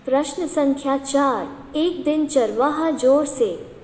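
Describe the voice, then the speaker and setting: A woman teacher with an Indian accent, dictating questions to a class slowly and repeating each one several times. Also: sits high, a little mellow. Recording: echoey room with long reverb.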